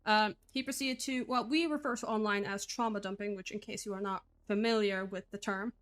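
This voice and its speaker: Polish woman moderating a group voice call, firm and measured, lots of fillers, middle pitch. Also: steady tone, fairly bright tone. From Poland.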